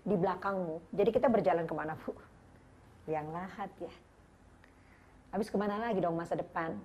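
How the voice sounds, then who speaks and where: A woman's voice: on the low side, a little fast. An older woman, giving a parenting seminar to an audience and acting out how parents scold their children. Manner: lively, acts out parents' scolding voices and addresses the audience directly. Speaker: parenting educator.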